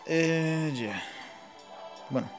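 Speaking very slowly yet animatedly, this male gaming host has a voice on the high side and a Chilean Spanish accent. He offers relaxed, informal commentary, musing out loud while playing, with game music in the background.

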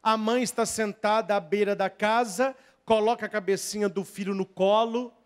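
High-voiced Brazilian priest preaching. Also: male voice, normal speed. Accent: Brazilian Portuguese. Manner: animated storytelling, swings from loud to soft; chatty asides to the crew and audience. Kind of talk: sermon.

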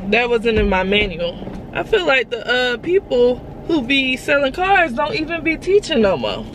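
A woman's voice: high voice, very animated, moderate pace, fairly bright tone, slight background noise. A woman talking casually in a family vlog, chatty and rambling with slangy asides, filmed in and around her van on a tripod camera. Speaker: mom vlogger.

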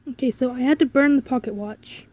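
A woman narrates her own horror game playthrough, thinking aloud with hesitant stops and fillers. Her voice is a little high yet mellow and dark in tone. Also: brisk. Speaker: gamer playing a horror game. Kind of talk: let's play commentary.

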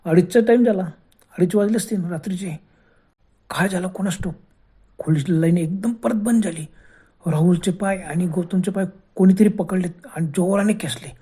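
A woman's voice: fairly low pitch, moderate pace, warm tone, slightly rough. A woman narrating a horror story with a dramatic, repetitive telling.

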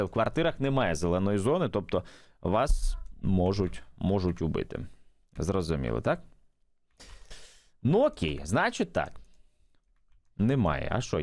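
A man's voice: sits low, a little mellow, no echo. A man chatting casually to viewers while playing a mobile game, thinking aloud and reacting as he goes. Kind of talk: casual gameplay commentary to viewers.

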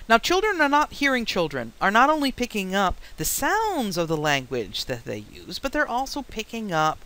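Bright, clear-voiced woman lecturing. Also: huge pitch swings, moderate pace, rough recording. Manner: varies pitch, rate and loudness on purpose; explanatory, with anecdotes. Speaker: psychology instructor. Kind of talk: classroom lecture.

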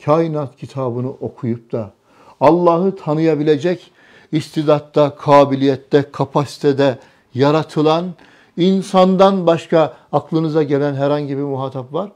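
This religious teacher speaks to a small group in a somewhat high, darkish voice at a measured pace. He often puts questions to his listeners and repeats back what they answer.

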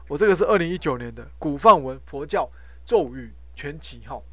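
Man, middle-aged, professor, casual lecture, repetitive, slightly high voice, dry recording. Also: lively intonation, no echo. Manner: chatty, repeats himself, ends phrases with a drawn-out "ha". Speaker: professor teaching Sanskrit pronunciation. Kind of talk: informal spoken lecture.

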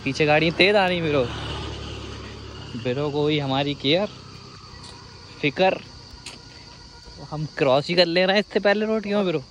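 A man's voice: a little high, normal speed, long pauses, a bit bright. A young man from India filming a casual vlog outdoors on his phone, chatting and teasing his friend as he walks around. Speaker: vlogger. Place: outdoors at a hillside restaurant and park. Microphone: handheld phone. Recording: outdoor phone audio with clear background noise.

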